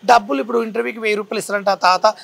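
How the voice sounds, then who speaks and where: A man in an interview, talking fast and emphatically, making accusations. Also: high-pitched, steady tone, creaky, a bit bright. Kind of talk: heated interview.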